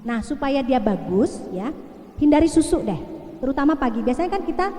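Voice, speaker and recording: High-voiced woman doctor lecturing in a hall. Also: sing-song, fairly quick, warm tone. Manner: chatty, reassuring, frequent "ya" tags. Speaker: pediatrician giving a parenting talk. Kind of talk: casual lecture with audience Q&A. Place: large hall. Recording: echoey hall, long reverb.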